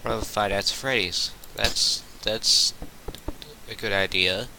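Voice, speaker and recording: A man giving casual, rambling commentary while playing a building game, halting often with fillers and restarts. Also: fairly low pitch, fairly even intonation, creaky, bright, forceful tone, slight background noise, low-quality recording. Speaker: gaming channel host.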